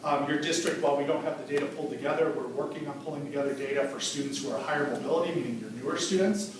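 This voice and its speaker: Using a table microphone in a board meeting room, a man explains assessment data to the school board in a casual way, frequently repeating words while thinking aloud. He speaks very fast in a voice on the high side, with background noise audible.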